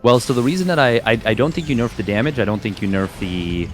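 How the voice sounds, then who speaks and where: A man's voice: mid-range voice, fast talker, faint music behind. A man co-casting an esports match, chatty and hedging, often restarting his thoughts. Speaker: co-caster. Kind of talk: casual game commentary and analysis.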